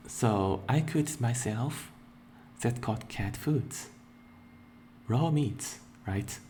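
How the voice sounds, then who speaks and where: Over slight background noise, a young virtual streamer with a mid-range voice does a casual self-introduction and answers questions. His pace is slow and careful, with occasional playful bursts of excitement.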